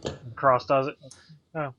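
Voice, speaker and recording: Man, tabletop game player, casual chat, bright sharp voice, dull muffled recording. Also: mid-range voice, flat delivery, unhurried, a little hiss or hum.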